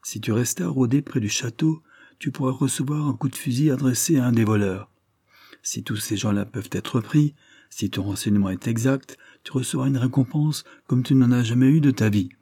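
A man's voice: mid-range voice, brisk, warm tone, slightly rough, no room sound, clean studio sound, voice pushed up. A man reading a commanding lord in an audiobook, giving firm orders. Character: commanding middle-aged lord.

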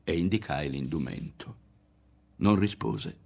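A man's voice: sits low, lively intonation, takes it slowly, creaky, warm tone, husky. A man with an Italian accent, an audiobook reader, giving a theatrical literary reading. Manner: theatrical, dramatic, varied delivery.

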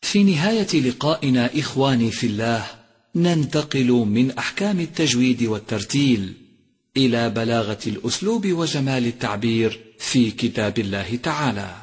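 A man teaching Quran recitation, slowly and carefully sounding out each example word. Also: medium pitch, lively intonation, slightly rough. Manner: slow, deliberate demonstration of pronunciation. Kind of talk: instructional lesson with recited examples. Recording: long hall reverb.

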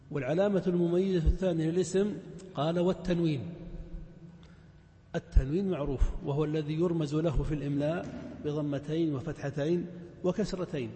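A man leads a grammar lesson in a large mosque, going step by step through examples and putting questions to his students. His voice sits a little high with a mellow, soft edge. The sound rings out with long reverb across the hall. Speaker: grammar teacher.

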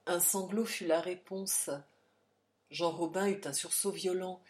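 A woman reading a novel aloud in measured, theatrical storytelling narration. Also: fairly low pitch, fairly even intonation, darkish tone. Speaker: audiobook narrator. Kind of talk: scripted dramatic narration.

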